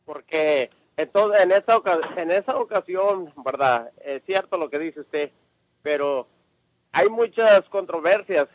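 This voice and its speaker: Slow, hesitant male caller on phone. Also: sits high, animated, no echo, highs cut off. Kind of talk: phoned-in question to a radio pastor.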